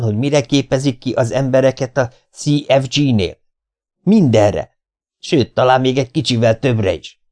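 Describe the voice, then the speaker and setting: A man's voice: mid-range voice, a little mellow, close to an everyday voice. A man reading an audiobook, voicing a stern male police chief who barks orders at his men. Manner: barking orders, stammering when shocked.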